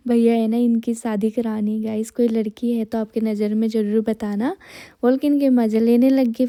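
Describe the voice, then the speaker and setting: A woman's voice: a little high, creaky, mellow. A woman who owns a salon, narrating her day in a chatty vlog and talking to her viewers between stories. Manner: chatty, talks nonstop, friendly asides to viewers. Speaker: salon owner vlogger.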